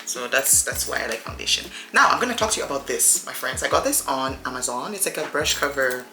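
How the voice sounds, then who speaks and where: A woman's voice: a bass voice, sing-song, fast. A woman in her thirties chatting as a beauty vlogger while doing her makeup, rambling and addressing viewers as friends. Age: 30s. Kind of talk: get-ready-with-me casual chat. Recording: roomy echo with faint music behind.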